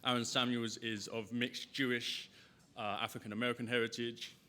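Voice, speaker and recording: A young man performs his poems on a festival stage, giving the lines a strong rhythmic push. His voice is bright and forward, and between pieces he slips into loose, chatty asides. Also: mid-range voice, flat delivery, normal speed. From England. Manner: rhythmic, emphatic delivery of verse, chatty asides. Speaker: poet. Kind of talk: live poetry reading. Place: festival stage before an audience.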